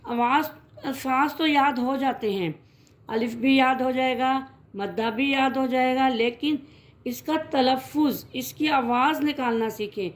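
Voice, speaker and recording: A woman with a fairly high voice teaches young children to read. She stretches each sound out slowly and repeats it, then explains in quicker, gentle sentences as if speaking to her own pupils. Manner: slow drawn-out syllables, then quick explanations; gentle, calls listeners "beta". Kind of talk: children's reading lesson.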